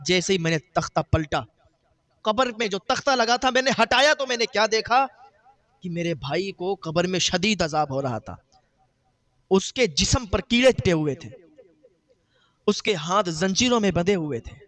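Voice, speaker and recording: A man delivers a sermon as a story, his high voice climbing in dramatic, emotional bursts. He voices the people of the tale as he goes. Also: expressive, pauses often, a bit bright, no echo. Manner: dramatic, quoting characters in rising emotional bursts. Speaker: preacher.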